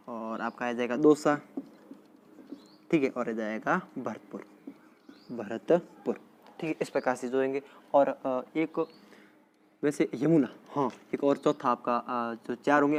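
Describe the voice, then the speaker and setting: A male teacher, dictating a geography lesson slowly and repeating place names often. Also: medium pitch, a little hiss or hum. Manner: slow, repetitive dictation with frequent "theek hai" check-ins. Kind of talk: exam-prep geography lesson.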